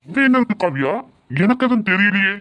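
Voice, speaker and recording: A man's voice: high-pitched, animated, fast talker, a bit bright. A man playing a husband who coaxes and then scolds his tearful wife. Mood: coaxing. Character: coaxing, impatient husband, middle-aged-sounding.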